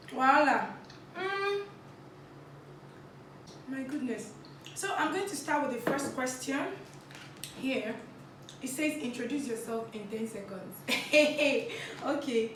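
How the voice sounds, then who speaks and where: A woman in her 20s with a high, bright voice and a forceful tone hosts a casual vlog, giggling and chatting as she snacks on camera. Crunchy bites fall between her words. She sits far from the mic in an echoey room, with a little hiss or hum.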